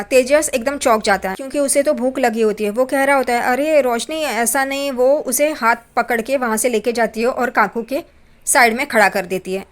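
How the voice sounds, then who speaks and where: A woman's voice: on the high side, a bit bright. Woman casually retelling a TV serial. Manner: retells scenes, reading characters' lines in plain quotes. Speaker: serial recap narrator. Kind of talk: casual spoken plot recap.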